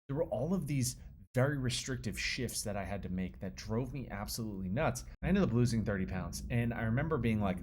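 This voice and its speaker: A man in his thirties, a fitness coach, telling his story in a casual, slangy, animated way. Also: fairly low pitch, slight background noise.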